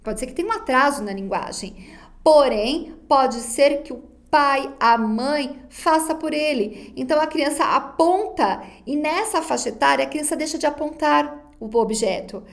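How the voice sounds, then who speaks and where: A woman's voice: high-pitched, lively intonation, moderate pace. A woman giving a recorded psychology lesson, speaking directly to her students in a didactic way. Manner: didactic, addresses students directly, acts out parents' baby talk. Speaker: psychology lecturer.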